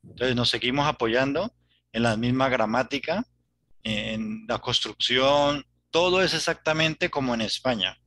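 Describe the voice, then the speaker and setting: A man's voice: medium pitch, a little slow, bright, forceful tone. A man with a Latin American Spanish accent teaching a Spanish class over a video call, explaining and often checking with "¿no?". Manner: tags sentences with "¿no?". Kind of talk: online class conversation.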